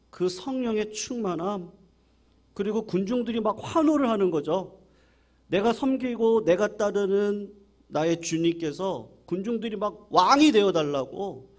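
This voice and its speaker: A male pastor delivers a Sunday morning sermon at a church service. His voice sits somewhat high and moves through a wide, lively melodic range. He tells the story with animation and keeps turning to the congregation with questions. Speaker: senior pastor.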